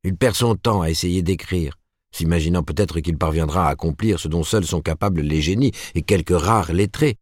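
A man's voice: deep voice, darkish tone, no room sound, clean studio sound. A man reading the part of a proper, disapproving middle-aged mother who lectures her daughter in an audiobook. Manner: admonishing, rising emphatically.

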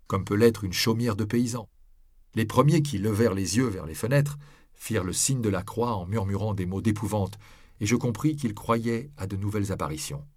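A man reading a novel aloud in the first person, with steady, measured storytelling. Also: on the low side, husky, no room sound, clean studio sound. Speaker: audiobook reader. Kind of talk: scripted novel narration.

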